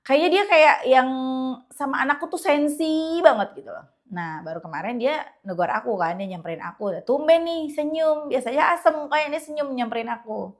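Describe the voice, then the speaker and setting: Chatty woman, bright and lively. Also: high voice, fairly quick. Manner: chatty, animated, slips into quoted prayers. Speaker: religious content creator. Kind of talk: casual motivational talk to viewers.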